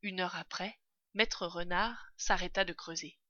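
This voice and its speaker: A woman narrating a children's audiobook in an expressive storytelling manner. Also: fairly low pitch, unhurried, no room sound, highs cut off.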